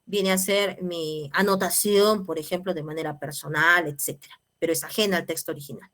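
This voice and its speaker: A woman's voice: mid-range voice, fairly bright tone. Woman teaching an online class. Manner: patient, checks in with tag questions.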